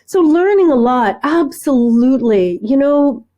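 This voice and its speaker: Warm higher-voiced middle-aged woman telling stories. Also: unhurried, highs cut off. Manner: animated storyteller, acts out dialogue, frequent "right?". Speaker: podcast guest. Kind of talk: conversational interview.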